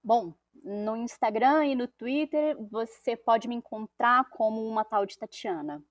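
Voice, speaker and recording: A woman, a podcast guest who explains things step by step, filling pauses as she lists her points. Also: a little high, dry recording, muffled recording. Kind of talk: casual podcast conversation.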